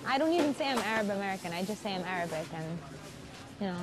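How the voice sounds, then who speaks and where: A woman answering a street interviewer in a candid, brisk way. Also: mid-range voice, lively intonation, poor audio.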